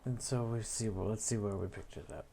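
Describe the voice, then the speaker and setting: A lowish, dark male voice with fairly even intonation moves at a brisk pace. While demonstrating an edit in a casual tutorial, the video editor thinks aloud in a musing way with tag questions, and keyboard clicks are clearly heard behind him.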